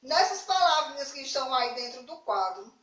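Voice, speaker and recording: In a recorded lesson for young pupils, a Brazilian primary school teacher speaks at normal speed in a high, very animated, slightly bright voice. She is patient, asking questions and answering them on her own. Echo fills the room, and she stands a little far from the mic.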